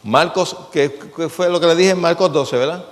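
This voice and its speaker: A man's voice: fairly high pitch, moderate pace. Man preaching in a reverberant hall. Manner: plain-spoken, asks the congregation questions, jokes. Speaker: pastor. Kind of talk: conversational sermon.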